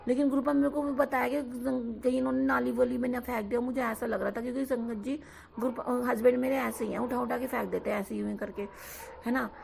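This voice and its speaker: A young woman casually shares her own devotional experience with an audience, rambling with many fillers and frequently asking "है ना" to get them to agree. Her voice is a little high, gravelly and a little mellow, with fairly even intonation and a quick pace. Slight background noise is present.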